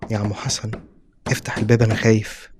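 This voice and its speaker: Guy doing creepy soft little boy thing from a horror story, egyptian accent, quick flat delivery. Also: lowish voice, background noise, close to an everyday voice. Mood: pleading. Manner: soft and calm. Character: eerie smiling little boy who is not human.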